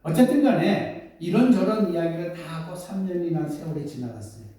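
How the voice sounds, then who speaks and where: A man's voice: a little high, expressive, brisk, warm tone. A male pastor preaching a dramatic storytelling sermon, asking his listeners questions. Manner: dramatic, asks the congregation questions. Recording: echoey church hall, mic far off.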